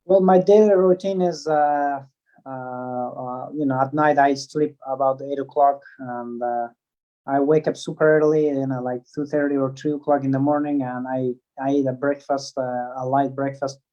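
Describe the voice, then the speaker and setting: Here the swimmer, a hesitant Afghan man, has a medium-pitched, dark voice with fairly level intonation. His interview answers come out in a halting way, full of fillers, false starts and non-native wording, over muffled lo-fi audio.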